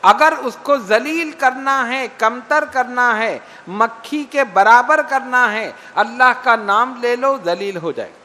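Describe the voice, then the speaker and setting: A man preaching with a very high, bright voice. He delivers slow, emphatic lines and recites hadith. His voice echoes with a long reverb. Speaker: Islamic preacher. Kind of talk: sermon.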